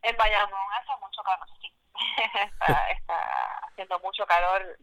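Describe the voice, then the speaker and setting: A woman's voice: medium pitch, steady tone, measured pace, sharp tone, dry recording, poor audio. A woman in her forties with a Puerto Rican accent, a poet speaking as an interview guest in a reflective way, with many fillers and restarts. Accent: Puerto Rican Spanish. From Puerto Rico. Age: 40s. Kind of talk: casual interview.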